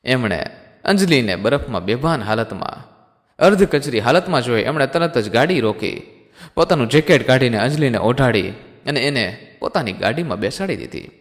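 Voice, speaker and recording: A male storyteller tells an emotional tale in a dramatic, heartfelt way, often calling out to his listeners as friends. His mid-pitched voice swings widely in tone. A long reverb hangs around it. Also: animated, normal speed.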